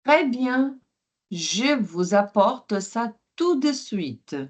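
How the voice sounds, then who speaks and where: Woman French teacher, very slow pace, repeats each word for practice. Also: a little high, animated. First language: Portuguese. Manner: repeats words slowly for pronunciation drills; switches between French and Portuguese explanations. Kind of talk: online language lesson.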